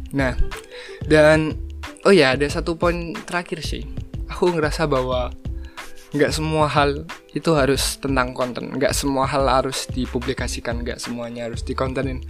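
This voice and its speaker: A young man hosting a casual solo podcast, talking in a relaxed way and slipping in English phrases. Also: medium pitch. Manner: relaxed, mixes English phrases, frequent fillers. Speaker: podcast host.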